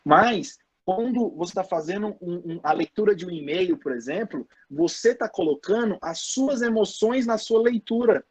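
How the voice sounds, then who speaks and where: A man's voice: sits high, animated, normal speed, few pauses, slightly rough. A man giving a casual online lecture to his students, repeating points for emphasis, with many restarts. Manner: frequent restarts and filler "é". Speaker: professor.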